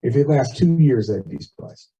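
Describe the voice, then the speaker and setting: He's a resident laying out an internet proposal at a community meeting, expressive and warm at a medium pitch and moderate pace. The presentation is informal and explanatory, told conversationally with everyday examples. The audio is muffled and dull.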